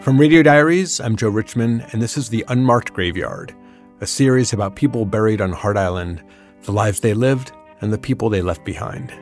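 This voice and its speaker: A man hosting a radio documentary, reading scripted narration in a measured storytelling way. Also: fairly low pitch, expressive, faint music behind.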